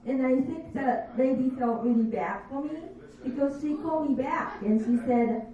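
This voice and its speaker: A woman in her fifties, not a native English speaker, doing a stand-up comedy set with slow, deadpan, self-mocking delivery. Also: sits high. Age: 50s. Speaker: stand-up comic. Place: comedy bar stage. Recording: echoey bar room, distant dull mic.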